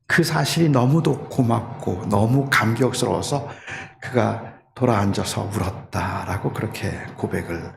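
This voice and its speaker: A middle-aged man preaching a sermon as a pastor, telling a personal story and rising to impassioned shouting. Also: on the low side, vocal fry, slight background noise. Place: church sanctuary. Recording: echoey church hall with faint ambience.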